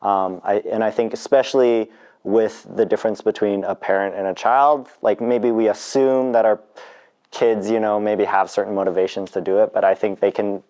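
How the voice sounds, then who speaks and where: Give me an animated woman co-presenter speaking casually, with a laugh in her voice. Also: extremely low pitch, moderate pace. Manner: animated, laughing, mimics others in quotes. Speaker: panel co-presenter. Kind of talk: casual storytelling.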